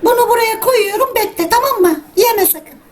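A man's voice: very high voice, moderate pace, a faint crowd, voice pushed up. A man voicing a woman owner who gives her dog firm orders in comedy dubbing. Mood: bossy. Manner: firm, instructing.

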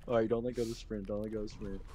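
A young man streaming a game, excitable and quick to yelp and laugh during casual banter. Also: fairly low pitch, husky. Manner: excitable, yelps and laughs often.

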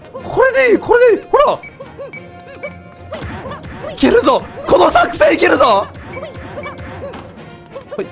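A man giving casual, excitable commentary while playing a platform game, laughing and talking to himself as he goes. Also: very high voice. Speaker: game streamer.

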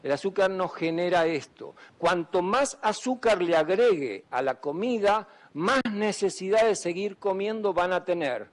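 A man's voice: high-pitched, lively intonation, a little slow, hardly any pauses. A man, a doctor giving an emphatic public talk to students and often asking them questions. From Argentina. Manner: asks the audience questions, emphatic.

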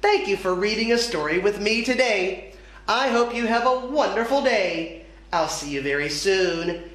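A woman teacher reading a children's story aloud in a slow, clear storytelling manner. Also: medium pitch, animated, a bit bright. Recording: echoey room.

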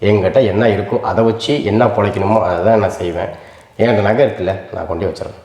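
A man talks quickly and earnestly to his audience, explaining things in long stretches. He is a family vlogger speaking casually at home. The bare room around him gives his voice a roomy echo. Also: lowish voice, darkish tone. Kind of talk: emotional casual family vlog talk. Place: rented home, indoors.

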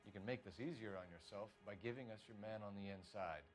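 An actor playing a stern, no-nonsense 1940s American police detective in a noir crime game, terse and accusing. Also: male voice, lowish voice, fast talker, lightly acted. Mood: pressing.

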